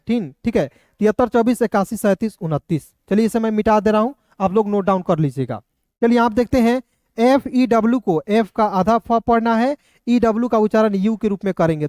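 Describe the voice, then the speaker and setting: A man's voice: sits high, darkish tone, no echo, clean studio sound. A man teaching English spelling to beginners, patient and repetitive, often asking his viewers questions. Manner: patient, repeats each word and asks the viewers questions.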